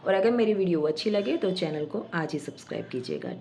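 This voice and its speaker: A woman teacher explaining reading methods to parents at an unhurried pace, sometimes sounding out word parts slowly. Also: fairly low pitch, very animated, warm tone. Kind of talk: home tutorial for parents. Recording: echoey room with faint background noise.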